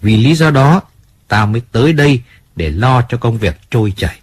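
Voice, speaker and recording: A man voicing a calm, businesslike male family adviser in an audiobook, speaking firmly and plainly. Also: medium pitch, breathy edge. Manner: measured, firm, businesslike.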